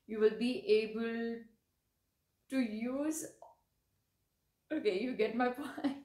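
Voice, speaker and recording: A woman's voice: fairly high pitch, slow, a little mellow, echoey room. A woman teaching English vocabulary, explaining patiently and often checking in with "right?". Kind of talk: vocabulary lesson.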